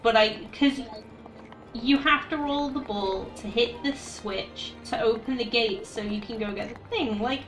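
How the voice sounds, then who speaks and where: A woman streams a video game, chatting casually and thinking out loud while she plays. Her voice is slightly high and fairly bright, with a measured pace. She sounds distant from the mic in an echoey room, with game music behind her.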